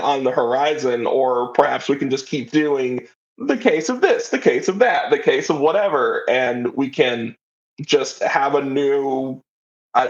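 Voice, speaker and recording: A writer appears as an interview guest, chatting casually about his work in a medium-pitched voice. The audio is slightly dull and lo-fi.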